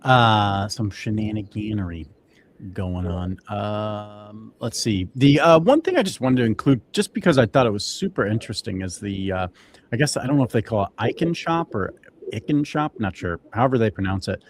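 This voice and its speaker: A young man with a fairly low voice hosts a casual show. He rambles with fillers and halting restarts, over a faint background hiss. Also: animated. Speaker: co-host. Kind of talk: casual crypto show chat.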